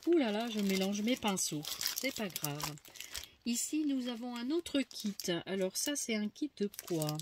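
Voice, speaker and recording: A woman's voice: mid-range voice, animated, measured pace, noisy background. Chatty woman unboxing amid crinkling packaging. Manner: chatty and hesitant, thinks aloud with many fillers. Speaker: craft vlogger showing a haul. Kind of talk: casual unboxing commentary. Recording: loud crinkling of packaging and clicks.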